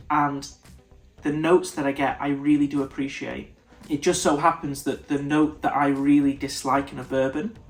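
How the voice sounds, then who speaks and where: A young man from the UK gives a casual whisky tasting review to camera, thinking aloud in a relaxed, thoughtful way and stopping and restarting mid-sentence. His voice is a little high for a man and sounds nasal and congested, with soft music underneath.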